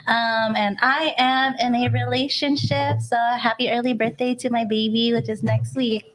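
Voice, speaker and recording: A bubbly woman in her twenties chats through her introduction. Her voice sits a little high. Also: flat delivery, moderate pace, low-quality recording. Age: 20s. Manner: bubbly, chatty. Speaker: panel guest. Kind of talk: casual self-introduction.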